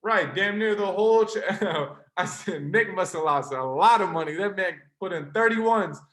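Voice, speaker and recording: A young adult man, a trading mentor, gives an earnest, passionate motivational sales pitch to a live online call, speaking straight to his listeners. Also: expressive, unhurried, a bit bright. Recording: roomy echo.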